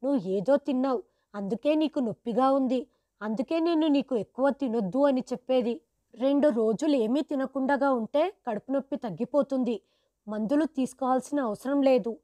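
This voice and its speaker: A woman's voice: high-pitched, moderate pace, no room sound, lightly acted. A woman voicing a harsh grown son who angrily scolds his sick father in a storybook tale. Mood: angry scolding. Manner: shouting, scornful scolding.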